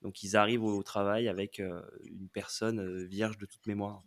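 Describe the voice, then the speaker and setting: A man, a podcast guest, explaining a series in a casual, hesitant way with many pauses. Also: lowish voice, little pitch movement. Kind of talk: casual chat.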